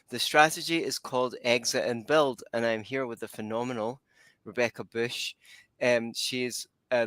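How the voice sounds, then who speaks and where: A man hosting a podcast interview, talking in a relaxed, rambling way with fillers. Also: mid-range voice, clear, resonant tone, no echo. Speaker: podcast host. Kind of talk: conversational interview.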